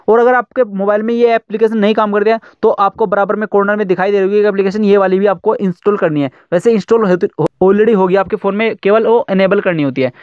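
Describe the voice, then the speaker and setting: A young man hosts a casual phone-app tutorial in a high, clear voice. He talks quickly and chattily, stringing steps together with fillers. The recording is dry and a little muffled. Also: dry recording. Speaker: YouTube tech tutorial host.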